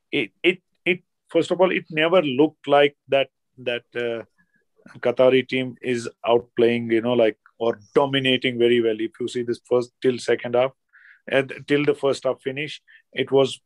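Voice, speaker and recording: A man with an Indian accent giving casual football analysis as a guest pundit, halting and repeating himself, often saying "you know". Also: mid-range voice, no room sound, rough recording. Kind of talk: casual sports analysis chat.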